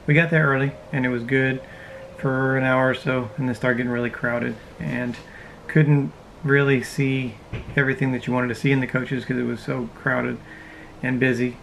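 A man in his thirties talks in a relaxed, rambling way, with plenty of fillers, at an everyday middle pitch. He is sitting inside a parked RV, speaking to a camera close in front, with a faint hum of noise behind him. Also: moderate pace, vocal fry, low-quality recording. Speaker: vlogger. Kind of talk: casual chat.

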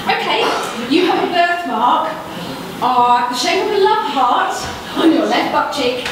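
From a distant, echoey stage comes a woman acting a camp pantomime dame, a vain mother. The voice is very high and shrill, swooping freely in pitch. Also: animated, a little slow, background noise. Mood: flustered, cheeky. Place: theatre stage, distant microphone.

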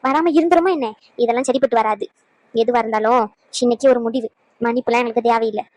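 A woman's voice: on the high side, fairly even intonation, fast talker, darkish tone, dry recording, lightly acted. A woman voicing a stern, protective mother in a cartoon who scolds her in-laws indignantly. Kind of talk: cartoon voice acting.

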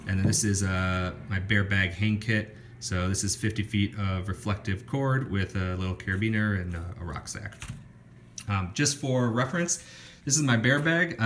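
With a fairly low voice and a little hiss or hum in the audio, a young man narrates his hiking gear spread across a floor at home. The casual walkthrough is full of ums and restarts as he lists each item.

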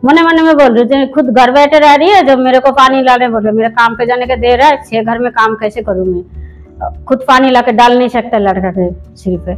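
A woman's voice: fairly high pitch, fairly even intonation, brisk, faint music behind, low-quality recording. A middle-aged woman from India giving a spoken personal testimony in a rambling storytelling way with many restarts. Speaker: church member giving testimony.

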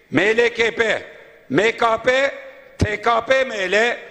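Male MP at a podium microphone, high voice, indignant and rhetorical, chamber reverb. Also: sharp tone. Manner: indignant, rhetorical, listing points. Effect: speaking at a podium microphone. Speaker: member of parliament. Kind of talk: parliamentary floor speech. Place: large parliament chamber. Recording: long reverb of a large hall.

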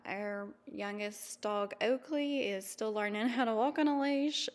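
A woman in her thirties narrating a travel vlog in a chatty, easygoing way, with frequent ums and quick laughs. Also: medium pitch, big-room sound. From mountain region. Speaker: vlogger. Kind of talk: casual voice-over narration.

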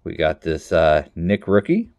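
Low-voiced excitable man opening card packs. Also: measured pace, no echo, dull audio. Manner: excitable, talks to viewers, bursts into loud exclamations. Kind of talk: casual pack-opening commentary.

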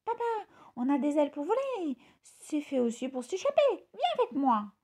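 Casting note: bold little boy bird, high and squeaky, lively swoops, a woman putting it on. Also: normal speed. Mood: eager. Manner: high, eager, excited. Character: young male bird, bold and cheeky.

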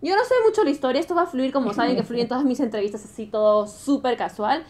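A young woman hosting a casual interview in a small bedroom, upbeat and lively. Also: high-pitched, fast talker. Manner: upbeat, lively, laughs often. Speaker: host. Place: small pink bedroom, indoors.

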